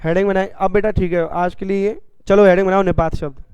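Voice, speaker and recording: Male classroom teacher, high and very clear voice, slow dictating delivery, slightly muffled dry sound. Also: steady tone, a little mellow, no echo. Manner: dictates slowly, repeating phrases for students to write; addresses students as "beta", jokey examples. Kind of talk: classroom grammar lesson.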